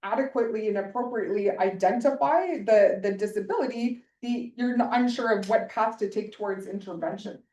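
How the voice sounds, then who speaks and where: This middle-aged woman panelist answers the Q&A audience in a chatty, self-interrupting manner, laughing frequently. She talks fairly quickly with few pauses, her medium-pitched voice warm. The conference hall recording is roomy, picked up by a distant room mic.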